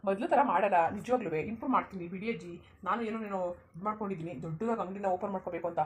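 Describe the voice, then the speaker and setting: A woman's voice: medium pitch, very fast, close to an everyday voice. A woman voicing a young male shopkeeper in a cartoon, who speaks Karnataka Kannada and keeps pleading with and placating his grandmother. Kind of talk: cartoon voice acting.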